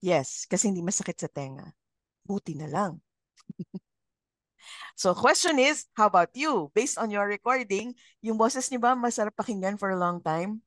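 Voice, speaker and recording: A middle-aged woman with a Filipino accent leading a communication training session, speaking in a measured, modulated trainer voice and putting questions to her learners. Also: medium pitch, animated, fairly bright tone, dry recording. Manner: interactive, asks learners questions. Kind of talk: live training session, mixing English and Filipino.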